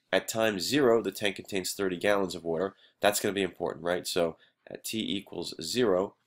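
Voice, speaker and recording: A male teacher, feeling under the weather, recording a math lesson for his students and explaining each step patiently, often checking in with "right?". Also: sits low.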